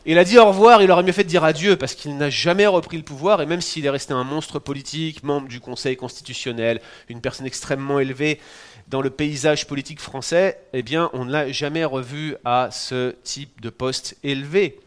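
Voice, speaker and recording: A man's voice: mid-range voice, normal speed, clean tone. A man in his forties from France with a French accent, giving a sermon as pastor in a conversational, teaching way with touches of humor. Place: church in Quebec.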